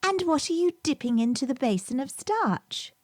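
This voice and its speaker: A woman voicing a curious, polite, excitable little girl in a storybook, exclaiming and asking questions with wide-eyed wonder. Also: sits high, normal speed, no echo, studio quality, voice pushed up. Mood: excited. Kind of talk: storybook character reading.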